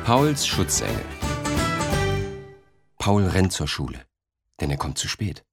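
A man narrating a children's story as an audiobook, reading in an expressive, lively way. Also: sits low, slow pace, over loud music.

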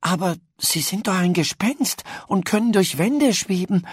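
A man's voice: lively intonation, measured pace, slightly rough, dry recording, full character voice. A man voicing a bold young girl who calls out urgently in a raised voice. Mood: puzzled. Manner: urgent high calling.

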